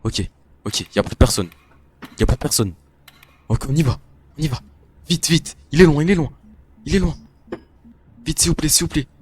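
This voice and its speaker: A gamer with a husky voice, a little high, commentates a horror game at normal speed with long pauses. He is panicky and excitable, frequently turning to talk straight to his viewers.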